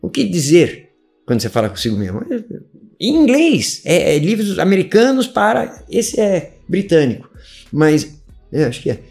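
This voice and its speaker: A man's voice: sits high, huge pitch swings, normal speed, gravelly, darkish tone. A man teaching an online language lesson in a chatty, casual way, laughing often and switching between two languages. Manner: chatty, laughs often, mixes in English phrases. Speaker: English teacher.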